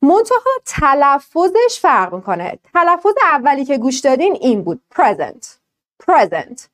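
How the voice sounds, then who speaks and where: A woman with a high, bright-sounding voice leads an online lesson, speaking to her students as an English teacher. Her pitch swings widely as she explains and quizzes them, keeping the delivery animated. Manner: lively, explains with questions to students.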